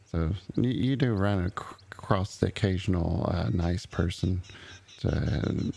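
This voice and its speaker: A man in character in a roleplay game, talking slowly and haltingly with many ums. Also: deep voice, gravelly, warm tone, a little hiss or hum. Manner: halting, full of uh and um. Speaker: roleplay streamer playing an old relative.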